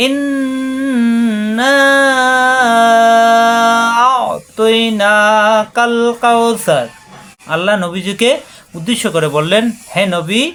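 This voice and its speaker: A man teaching a word-by-word tajweed lesson, patiently drilling syllables and breaking into slow chanted recitation. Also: high voice, fairly bright tone.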